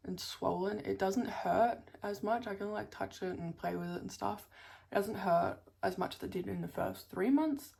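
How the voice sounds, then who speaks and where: A woman's voice: mid-range voice, vocal fry, darkish tone, breathy edge. A young woman chatting casually to camera as a vlogger, full of fillers and casual swearing, her speech a little thick from a new tongue piercing.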